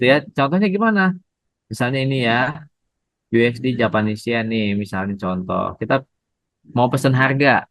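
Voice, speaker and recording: Seorang pria membawakan pelajaran trading daring secara langsung, sabar menjelaskan dan menyapa pendengar dengan "Bapak Ibu". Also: male voice, mid-range voice, fairly bright tone, dry recording, rough recording. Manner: patient, addresses audience as Bapak Ibu. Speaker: trading instructor. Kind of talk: live online trading lesson.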